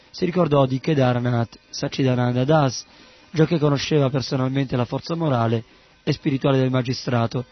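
A man giving scripted narration of a story in an even, steady way. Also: medium pitch, muffled recording.

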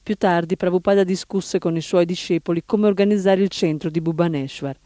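A man narrating, reading a biography aloud in a steady, even storytelling manner. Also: sits high, brisk, no room sound, clean studio sound.

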